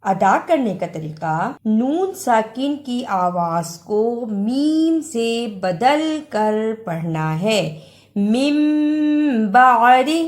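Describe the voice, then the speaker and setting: A woman teaching recitation, chanting verses slowly and then explaining pronunciation rules and spelling out letters. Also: a little high, sing-song, darkish tone. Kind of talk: slow recitation lesson with spelled-out letter drills.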